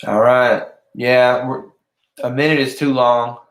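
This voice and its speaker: A man hosts a casual livestream for a fishing giveaway, chatting informally with viewers and repeating himself often. His medium-pitched voice barely moves in pitch, and he speaks slowly. The room sounds roomy and echoing.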